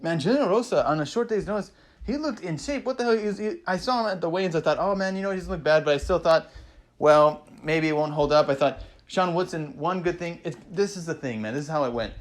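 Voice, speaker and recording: A man casually recapping fight results, excitable and rambling, swearing freely and peppering his talk with "man" and "you know". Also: a little high, quick pace. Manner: acts out fighters' thoughts in quoted asides. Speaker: MMA vlogger recapping fights.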